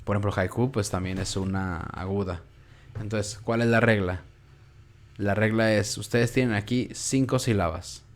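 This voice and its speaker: A young man with a Mexican Spanish accent gives a relaxed, informal lesson. His voice sits somewhat low, and he explains patiently, repeating words aloud to show where the stress falls. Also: normal speed. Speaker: teacher. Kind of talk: casual online class.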